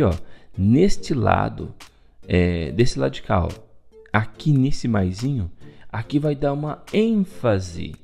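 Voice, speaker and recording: A man hosting a software tutorial, explaining each step and pointing things out as he goes. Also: mid-range voice, gravelly. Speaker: video tutorial host. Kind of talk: screen-recorded software tutorial.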